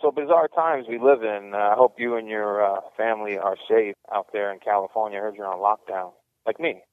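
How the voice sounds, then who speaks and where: Man hosting an interview over a prison payphone, casual and halting, fairly low voice, muffled dry line with faint music. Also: dry recording. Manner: halting, lots of fillers. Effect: collect call from a prison payphone. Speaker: podcast host and prisoner.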